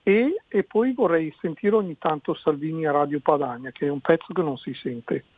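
A man's voice: on the high side, moderate pace, breathy edge, no room sound. A man phoning in to a radio talk show to put a spontaneous question. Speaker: phone-in caller to a radio show. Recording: dry, tinny narrow-band phone line.

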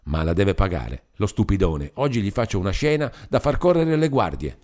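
A man reading an audiobook, voicing a bold, fiery young wife in a raised, scornful tone. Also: moderate pace. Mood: feisty. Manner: lively, scornful, raised pitch. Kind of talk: audiobook character voice.

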